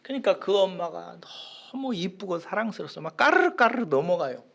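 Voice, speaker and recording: A male pastor delivers a sermon with a lively, rising and falling voice that sits a little high for a man. He questions the congregation and acts out a child's shouts, then drops to near whispers. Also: brisk, vocal fry. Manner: animated preaching, swings from loud cries to near whispers.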